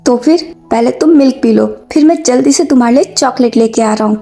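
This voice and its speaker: A woman voicing a calm, gentle young father who soothes and coaxes in a fanfiction story. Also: sits high, fairly quick. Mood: calm soothing.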